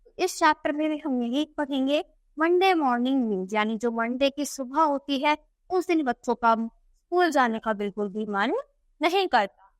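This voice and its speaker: A woman teacher, reading a story aloud slowly and explaining it to children. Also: high-pitched, expressive, no echo. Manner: reads English text very slowly, then explains in quick Hindi.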